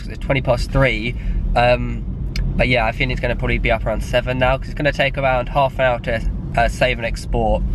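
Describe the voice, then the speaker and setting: A man's voice: mid-range voice, background noise. A young man, rambling casually to the camera in a vlog, sounding a bit ill with a blocked nose. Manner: rambling, chatty. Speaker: vlogger.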